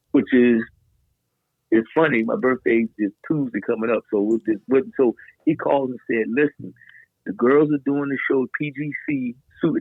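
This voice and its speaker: A middle-aged man, a guest DJ, telling a story in a loose, animated way, full of slang and fillers. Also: mid-range voice, creaky, slightly rough, no echo. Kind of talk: casual storytelling in a podcast interview. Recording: dry, tinny phone-like sound.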